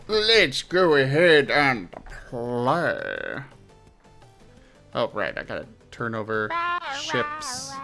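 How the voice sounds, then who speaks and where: A male streamer hosts a casual gaming livestream over headset audio, greeting viewers upbeat and chatting in an easygoing way. His voice is mid-range with a sharp tone.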